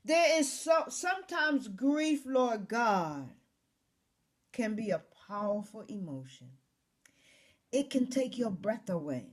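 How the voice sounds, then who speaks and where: A woman reading Bible verses aloud and pausing to reflect on them with emotional emphasis, as a Bible study teacher. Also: fairly high pitch, big pitch swings. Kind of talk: scripture reading with commentary.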